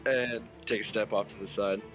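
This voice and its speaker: A man's voice: lowish voice, steady tone, moderate pace, fairly bright tone, faint music behind. A man playing a tabletop game, describing his character's actions loosely with laughs. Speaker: player. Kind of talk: casual tabletop play.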